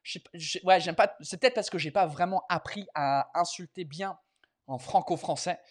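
A man's voice: high voice, moderate pace. Swearing bilingual comedian host, man. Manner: mixes French and English, swears freely. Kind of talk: casual bilingual live chat.

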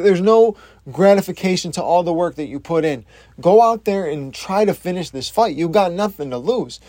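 A casual fight breakdown from a man who talks in blunt, profane slang and often restarts his sentences. His voice sits a little high for a man. The recording is dry, with no room sound. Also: warm tone, no echo. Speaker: MMA commentator.

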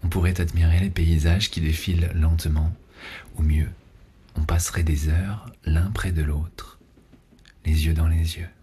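Seductive male lover, acted by a man, ASMR role-play, very low pitch, breathy murmur right in your ear, erotic audio drama, noisy background. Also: fairly even intonation, warm tone. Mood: tender, longing. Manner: slow, intimate, breathy murmur close to the ear. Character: seductive male lover on a night train, intimate and ardent.

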